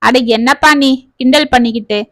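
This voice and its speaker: A woman's voice: high-pitched, fairly quick, no echo. A woman voicing an earnest young working man who cares for his sister. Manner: earnest, pleading. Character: young working man, caring elder brother.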